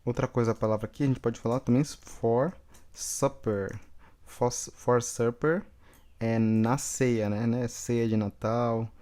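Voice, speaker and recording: A man's voice: mid-range voice, fairly even intonation, takes it slowly, mellow. A man from Brazil with a Brazilian Portuguese accent teaching English vocabulary, repeating each word and checking in with the class. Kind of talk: bilingual vocabulary lesson.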